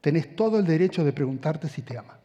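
A middle-aged man with an Argentine accent preaching a sermon, an animated storyteller who swings from hushed tones to shouting. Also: a little high, quick pace, highs cut off. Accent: Argentine Spanish. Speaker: pastor. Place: large hall with audience. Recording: long hall reverb.

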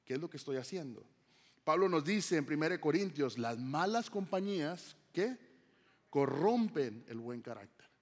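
A man's voice: fairly high pitch, animated, normal speed, in a large hall. A man from Mexico preaching a sermon as pastor, conversational, throwing rhetorical questions to the congregation.

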